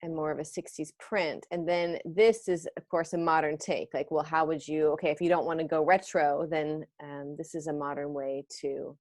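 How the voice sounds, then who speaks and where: A woman's voice: low voice, fairly even intonation, moderate pace, few pauses, darkish tone. A woman in her fifties hosting a casual video call about fashion, chatty and rambling, often trailing off mid-sentence. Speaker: host.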